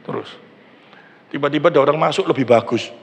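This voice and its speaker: A man's voice: on the high side, quick pace. A middle-aged male pastor with an East Javanese Indonesian accent, preaching a conversational sermon, acting out quoted voices and asking the congregation questions. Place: large church hall. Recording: long church hall reverb.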